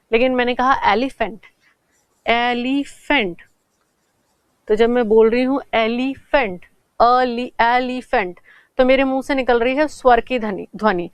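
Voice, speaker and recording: A woman's voice: fairly high pitch, dry recording. Woman teaching grammar, asks then answers herself, dead dry close sound. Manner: asks questions and answers them herself, says "theek hai" often; slows down to pronounce English examples clearly. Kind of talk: classroom lesson explaining grammar.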